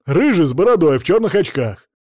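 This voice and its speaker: A man voicing a drunk, red-faced, bullying millionaire, shouting and blustering in an audiobook. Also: on the high side, big pitch swings, fairly quick, dry recording, studio quality. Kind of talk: audiobook character voice.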